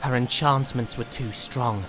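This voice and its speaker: A man's voice: medium pitch, fairly even intonation, a little slow, background noise, lightly acted. A man playing a proud young prince and devoted son in a fan audio drama, with an earnest, grandiose delivery. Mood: proud, stirring.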